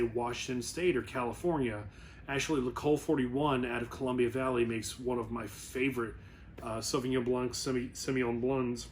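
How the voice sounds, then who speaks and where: In an informal, meandering style, a man reviews a wine and keeps revising what he just said. He speaks at a medium pitch over a faint hiss or hum.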